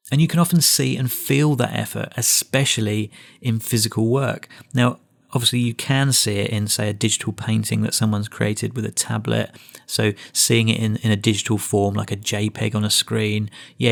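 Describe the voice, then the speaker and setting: A man's voice: on the low side, gravelly. A middle-aged man giving a reflective lecture, often restarting phrases and adding asides. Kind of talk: recorded lecture.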